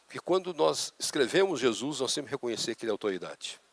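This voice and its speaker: A Brazilian Portuguese-accented pastor preaches a sermon, telling stories dramatically and growing loud and high when he acts out scenes. His delivery is sing-song and quick with vocal fry, and the recording is dry.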